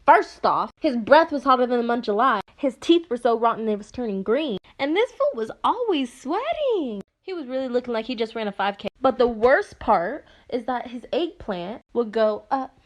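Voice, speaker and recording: A young woman telling a casual story-time monologue in a dry, mocking, deadpan way. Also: on the high side, moderate pace.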